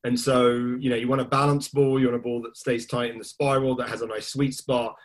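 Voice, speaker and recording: A man's voice: medium pitch, little pitch movement, fairly quick. A man co-hosting a casual chat, thoughtful and hedging, leaning on "you know" and "I mean". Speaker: podcast co-host.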